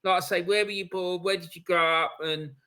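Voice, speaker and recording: A man's voice: high-pitched, steady tone, a little fast, sharp tone, clean tone. A man hosting a casual football podcast, asking questions loosely with lots of "like" and "you know". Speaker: podcast host, interviewer. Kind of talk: casual interview chat.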